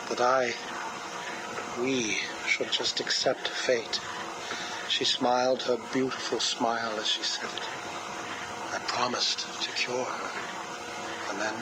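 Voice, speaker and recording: A man's voice: mid-range voice, little pitch movement. A cold, grieving scientist who measures every word and lingers on his loss. He is heard through the hiss of a played-back cassette tape. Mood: mournful. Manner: slow, controlled, mournful delivery. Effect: played back from a cassette tape recording. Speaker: interview subject. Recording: hissy cassette tape playback.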